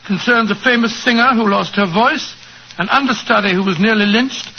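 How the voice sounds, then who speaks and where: Genial, avuncular older doctor for a vintage radio drama; high voice, muffled old broadcast with light hiss. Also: male voice, brisk. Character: elderly English doctor narrator, genial storyteller. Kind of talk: 1940s radio acting.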